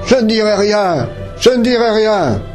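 A man voicing a lying male demon trapped inside a pagan statue, speaking in a shrill, frantic voice over background music. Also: very animated, a little slow. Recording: music playing behind.

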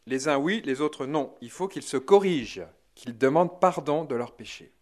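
A man's voice: fairly high pitch, lively intonation, moderate pace, darkish tone, lightly acted. The Virgin Mary, as a man speaks her. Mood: gentle pleading. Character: gentle motherly Virgin Mary, woman.

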